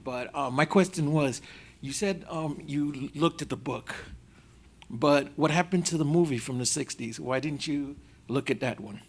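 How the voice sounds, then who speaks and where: A man from the audience asking a question in a halting, wandering way with many fillers. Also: a little high, slight background noise. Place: auditorium audience.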